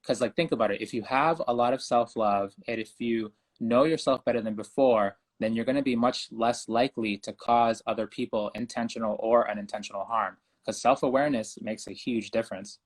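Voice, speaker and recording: A man from Ecuador, a guest speaking calmly and reflectively in a conversational interview. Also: mid-range voice, a little fast, few pauses. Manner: calm, reflective, earnest.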